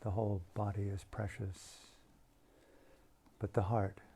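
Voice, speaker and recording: A man with a low, mellow, gravelly voice guides a meditation in a hushed, level tone. He moves very slowly through short, deliberate phrases with long pauses, and a slight hiss or hum is audible.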